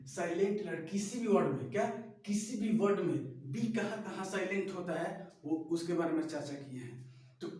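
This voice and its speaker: A man's voice: sits high, darkish tone. Man drilling English words in an echoey room. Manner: repetitive call-and-response drilling, asks then answers himself. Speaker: English teacher. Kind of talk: classroom-style spoken lesson. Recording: echoey room, far from the mic.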